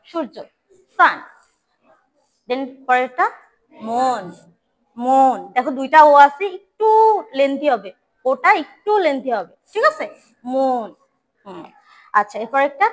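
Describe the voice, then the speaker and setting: High-voiced woman drilling pronunciation. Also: bright, forceful tone, rough recording. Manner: repeats words and corrects students. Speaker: English pronunciation teacher. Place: classroom.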